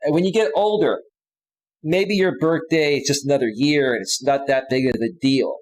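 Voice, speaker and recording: A man in his forties talks off the cuff on his own live stream, looping back and restarting his sentences. His voice sits at an ordinary middle pitch. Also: moderate pace, a little mellow, rough recording. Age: 40s. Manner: rambling, with frequent restarts and fillers. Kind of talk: casual live stream talk.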